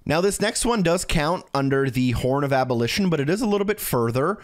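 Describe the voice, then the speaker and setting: Here the guide creator's voice runs high, animated, and slightly fast. He addresses the viewer directly, casually explaining how to get through the video game.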